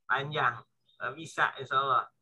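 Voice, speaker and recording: A man's voice: mid-range voice, fairly even intonation, measured pace, bright, forceful tone, breathy edge, poor audio. A man with an Indonesian accent teaching Quran recitation, patiently drawing out each syllable as he demonstrates. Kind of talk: online tajwid lesson.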